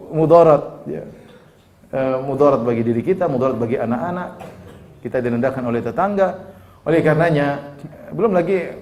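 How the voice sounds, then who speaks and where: A man's voice: sits high, a little mellow. A man preaching a sermon, putting questions to the audience and repeating key words for emphasis.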